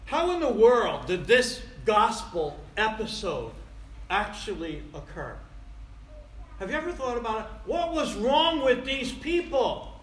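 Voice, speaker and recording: A man in his sixties preaches a sermon in a high, sing-song, unhurried voice. His style is folksy and conversational, full of rhetorical questions and repeated phrases for emphasis, recorded in an echoey room with faint background noise.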